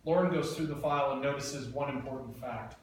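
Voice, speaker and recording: A man with a mid-range voice narrates scene directions from a screenplay at a table read, quick and plainly matter-of-fact. His voice comes through a distant mic in an echoey room, with faint noise present.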